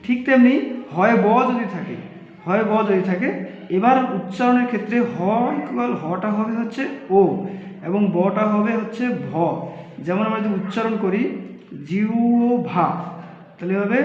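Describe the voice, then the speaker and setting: A man teaching a spelling and pronunciation lesson, explaining slowly, repeating phrases and pausing with fillers. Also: sits high, slight background noise. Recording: echoey room, slightly dull lo-fi sound.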